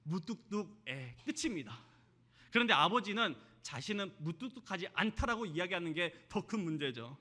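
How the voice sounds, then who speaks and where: A male pastor from Jeolla gives a Sunday sermon in an easy, chatty manner. He keeps asking the congregation questions and tells light stories that poke fun at himself. His voice sits high for a man and has a sharp, bright edge. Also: animated, normal speed. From Jeolla, South Korea. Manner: conversational preaching with rhetorical questions and self-deprecating stories.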